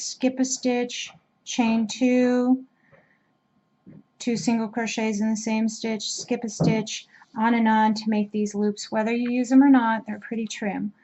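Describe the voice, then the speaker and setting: Slow, mellow-voiced woman teaching crochet. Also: on the high side, muffled recording. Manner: talks slowly while working, self-deprecating asides. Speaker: crochet instructor. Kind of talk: step-by-step craft tutorial.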